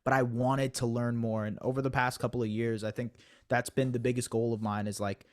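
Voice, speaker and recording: A man's voice: mid-range voice, level tone, fairly quick. A young man in his twenties, a guest on a podcast interview, explaining his ideas thoughtfully with many fillers and restarts. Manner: thoughtful, self-deprecating, lots of fillers and restarts. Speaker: basketball analyst guest.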